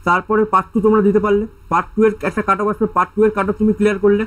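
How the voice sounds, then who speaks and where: A man's voice: high voice, rough recording. A man giving a casual exam-prep lesson over slides, chatty and repetitive, often checking in with his students. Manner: chatty, repeats points, checks in with listeners. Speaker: exam coaching teacher.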